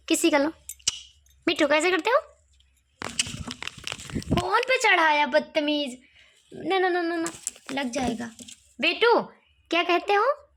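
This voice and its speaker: High-voiced woman coaxing a pet bird. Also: a bit bright. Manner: coaxing, repeats the bird's name in a sing-song call. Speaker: pet parrot owner. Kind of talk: casual talk to a pet.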